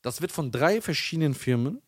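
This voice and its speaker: A young man co-hosting a casual podcast chat, telling an animated anecdote and acting out the voices of the people in it. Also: a little high, a little fast, breathy edge. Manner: animated anecdote-telling, acts out quoted dialogue. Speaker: podcast co-host.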